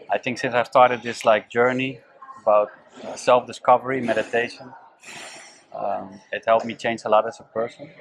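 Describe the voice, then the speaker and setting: A man from the Netherlands, answering interview questions hesitantly and filling his pauses with "um.". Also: lowish voice, rough recording. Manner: hesitant, many fillers. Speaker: guest, event volunteer.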